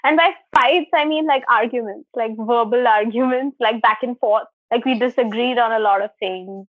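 Young woman from western India, lively and opinionated, dull close sound. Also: a little high, moderate pace, dry recording. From Maharashtra, India. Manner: expressive, opinionated, laughs easily. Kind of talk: casual chat.

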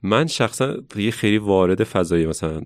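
A man who works as a science educator, telling stories in a relaxed conversational way and thinking aloud as he reflects. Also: lowish voice, dry recording, studio quality. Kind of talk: casual conversational storytelling.

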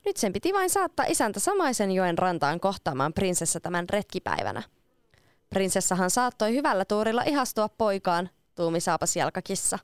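Smooth-voiced woman narrating a fairy tale. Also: medium pitch, dry recording, clean studio sound. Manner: lively, expressive. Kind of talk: storybook reading.

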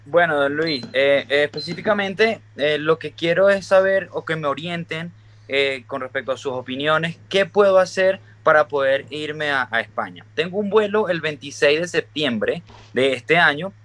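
A man calls in to a live stream and asks his question politely, with a slightly raised pitch. He hesitates and fills pauses with "eh" as he goes. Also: animated, a bit bright, a little hiss or hum. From Venezuela. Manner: polite, hesitant, many fillers. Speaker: caller. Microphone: video call.

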